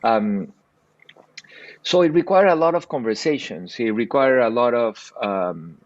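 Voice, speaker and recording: An older man from South America, a cinematographer telling stories on a video call interview, animated with frequent restarts. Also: unhurried, dry recording, highs cut off. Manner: animated storyteller, lively pitch swings, frequent restarts. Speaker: cinematographer guest. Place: bright home room by window. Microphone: earbuds on video call.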